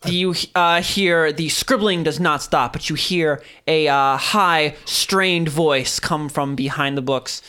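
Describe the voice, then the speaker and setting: A man's voice: on the high side, slow, few pauses, pushed and bright, smooth. A man running a tabletop game as game master, improvising the narration.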